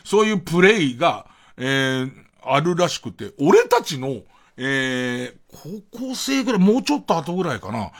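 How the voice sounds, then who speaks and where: A middle-aged man talking alone on late-night radio, rambling and poking fun at himself between chuckles. His voice is high and husky, and his pitch jumps up and down all over the place. Close, intimate studio sound. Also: big pitch swings, moderate pace, few pauses. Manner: rambling, self-mocking, chuckling asides. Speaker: radio host.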